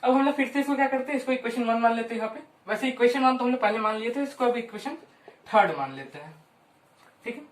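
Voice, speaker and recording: A woman teaching a maths lesson at a whiteboard in a chatty way, drawing out long strings of digits slowly and checking in with her students often. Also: a little high, animated. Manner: chatty, keeps checking in with "ठीक है" and "हाँ"; slows right down to spell out long strings of digits. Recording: roomy, voice from some distance.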